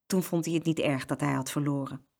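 A woman reading a children's story aloud as narrator, with expressive storytelling. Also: deep voice, brisk, vocal fry.

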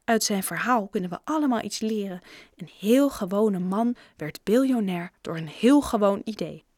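A woman's voice: mid-range voice, lively intonation, moderate pace, darkish tone, dry recording, clean studio sound, natural voice. A woman voicing a chatty adult male shopkeeper who pushes his deals with eager sales patter, in a storybook reading. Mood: eager salesman.

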